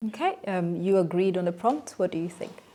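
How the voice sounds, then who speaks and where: A woman hosting a podcast and moderating a panel discussion, speaking in a measured, deliberate way. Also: on the low side, lively intonation, mellow.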